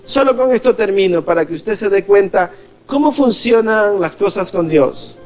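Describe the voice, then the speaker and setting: A man's voice: high-pitched, expressive, normal speed, darkish tone. A man preaching a sermon as a pastor, calling his listeners "beloved" and acting out quoted voices. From Ecuador. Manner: preaching, calls the congregation "amados", acts out quoted voices.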